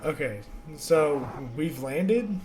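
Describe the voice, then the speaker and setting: A man's voice: fairly high pitch, animated, drawn-out words. A man, a tabletop game player, chatting casually over voice chat. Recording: noisy voice chat line.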